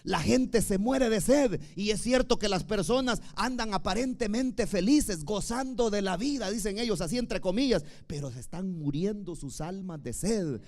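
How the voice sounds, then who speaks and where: Un predicador de voz aguda y muy expresiva que sube y baja el tono con gran movimiento. Alterna proclamaciones fuertes con comentarios casi en voz baja, en un sermón apasionado. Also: male voice, sits high, expressive, normal speed, few pauses. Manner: emphatic, swings between loud declarations and soft asides. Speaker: preacher. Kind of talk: sermon.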